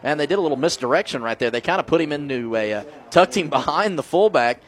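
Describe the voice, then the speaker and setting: A man's voice: on the high side, expressive, quick pace. A man giving color commentary on a football broadcast, breaking down plays in a casual, filler-laden way. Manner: conversational, explains blocking schemes, many fillers.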